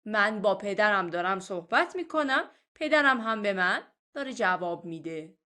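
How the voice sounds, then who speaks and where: A woman teaching French vocabulary in a recorded lesson. She says each French phrase slowly and clearly, then explains it in a softer voice. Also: mid-range voice, animated. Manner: patient and explanatory.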